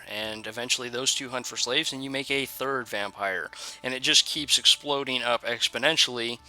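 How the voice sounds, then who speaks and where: Bright-voiced man rambling over gameplay. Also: mid-range voice. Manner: rambling, self-correcting, thinks aloud. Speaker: let's play host. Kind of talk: casual gameplay commentary.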